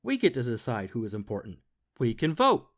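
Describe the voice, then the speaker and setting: A man voices an eager, good-hearted dog in a storybook reading. He speaks up loudly with a lively, bouncing pitch. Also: brisk.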